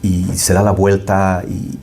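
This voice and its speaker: Low-voiced pastor giving a conversational sermon. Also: male voice, monotone, takes it slowly, mellow. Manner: conversational, often asks "¿no?" to the congregation; restarts and repeats words while thinking aloud.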